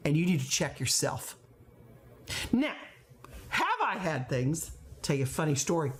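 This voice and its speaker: A woman's voice: low voice, lively intonation, measured pace. A woman in her fifties, a veteran teacher, giving classroom advice straight to camera, emphatic and repeating words for stress. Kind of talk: direct-to-camera teaching talk.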